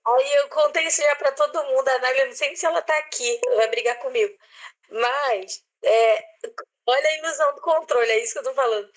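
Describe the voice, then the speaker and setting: Brazilian woman, a little high-pitched, casual talk, halting and self-correcting. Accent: Brazilian Portuguese. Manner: hesitant, searching for words, many restarts. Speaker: participant in a psychoanalysis online discussion. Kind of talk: casual reflective discussion.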